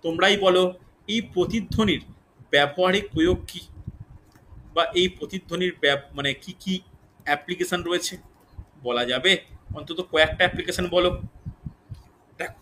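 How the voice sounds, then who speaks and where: A man with a high, bright voice teaches a physics class for exam candidates. He quizzes his students, stops to have them note things down, and says the key figures twice at an easy pace. A faint hiss sits under the recording. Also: low-quality recording. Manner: asks students questions and repeats key figures slowly. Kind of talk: live online physics class. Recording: faint background noise.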